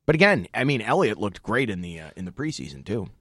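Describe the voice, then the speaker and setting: A man co-hosting a casual sports podcast, laid-back and joking, talking in quick bursts. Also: on the low side, big pitch swings, fairly bright tone, slightly rough, dry recording, clean studio sound. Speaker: podcast co-host.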